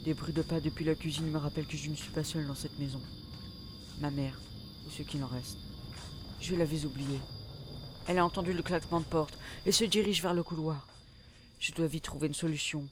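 A man's voice: a little high, steady tone, brisk, pauses often, noisy background. A man narrating a first-person audio drama in a tense, urgent way. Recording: loud music under the voice.

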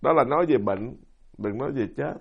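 Speaking at a medium pitch, this middle-aged monk sounds animated, brisk, creaky and husky as he delivers a story-filled dharma talk in a Southern Vietnamese accent. He keeps asking his audience rhetorical questions, captured on a dull lo-fi recording.

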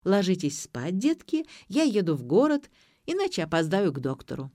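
A woman's voice: fairly low pitch, very animated, normal speed, mellow, no echo, studio quality. A woman doing a wailing scheming mother. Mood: fussy. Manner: plaintive, wailing. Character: scheming middle-aged mother, tearful and pleading.

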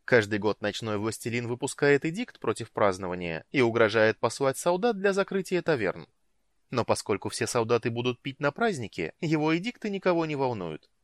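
A male audiobook narrator voicing an impatient, lively young woman who talks briskly and teases. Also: medium pitch, no room sound, clean studio sound, pitched above the performer's own voice, close to an everyday voice. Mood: chatty. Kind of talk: audiobook reading.

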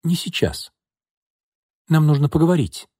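A man's voice: on the high side, sing-song, a little slow, warm tone, no echo, studio quality, voice pushed up. A man voicing an outspoken young woman who speaks firmly and directly. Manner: firm and direct.

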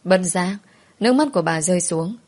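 A woman narrating a family drama in a slow, reflective, solemn manner. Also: on the low side, darkish tone. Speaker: storyteller. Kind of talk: scripted story narration.

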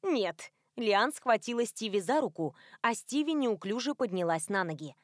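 A woman narrating a novel in an expressive, lively reading. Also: medium pitch, normal speed, no echo, studio quality. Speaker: audiobook narrator. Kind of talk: scripted narration.

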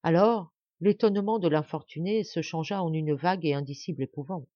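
A woman narrating a classic novel as an audiobook, in an expressive, dramatic reading. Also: low voice, fairly quick, no echo, muffled recording. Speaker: audiobook reader.

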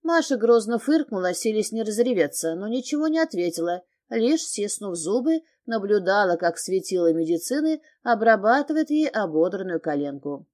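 Mellow-voiced woman narrating an audiobook. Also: medium pitch, expressive, moderate pace, hardly any pauses.

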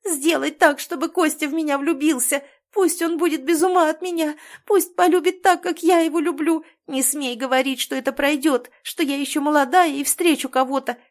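A woman's voice: steady tone, moderate pace, few pauses, natural voice. Woman doing a frantic lovesick schoolgirl. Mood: frantic pleading. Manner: shrill, insistent pleading. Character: desperate lovesick teenage schoolgirl.

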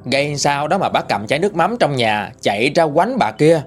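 A Southern Vietnamese man narrating a ghost story in a chatty, colloquial style, his pitch rising and falling a lot. His voice sits a little high for a man, over faint background music. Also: big pitch swings, normal speed. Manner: chatty, colloquial folk telling.

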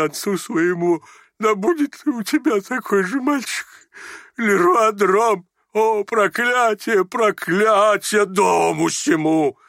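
A man voicing a distraught old drunken army general who rants in slow, stammering, theatrical exclamations. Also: sits high, vocal fry, a bit bright, no room sound, clean studio sound, pitched above the performer's own voice, full character voice. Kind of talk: audiobook character voice.

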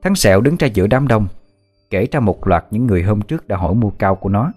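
A male storyteller narrating a dark folk tale in a low voice, steady and dramatic in delivery. Faint music runs beneath his narration. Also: fast, slightly rough.

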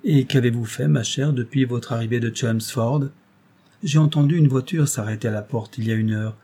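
A man's voice: mid-range voice, moderate pace, dark tone, husky. A man reading a classic novel aloud, voicing an older baronet who questions his young wife fondly and a little reproachfully. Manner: fond questioning, slightly reproachful. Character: older baronet, doting and fond husband. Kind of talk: audiobook character reading.

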